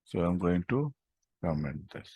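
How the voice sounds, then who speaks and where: A man's voice: sits low, sing-song, unhurried, mellow, husky, dry recording. A man teaching a live coding tutorial over an online call, explaining step by step with frequent "okay" and "right?". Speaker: instructor.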